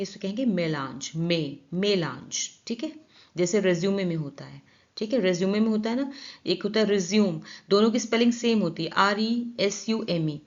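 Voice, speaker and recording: A woman with an Indian accent explains a newspaper editorial as an English teacher. She reads the English lines slowly and then explains them. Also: mid-range voice, darkish tone, highs cut off.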